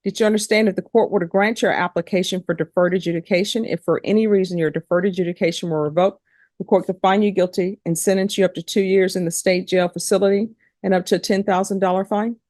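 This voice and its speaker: A woman judge presides over a court hearing, questioning people in a formal, procedural way and spelling out names. Her medium-pitched voice is a little mellow with fairly even intonation, she talks fast, and there is no echo.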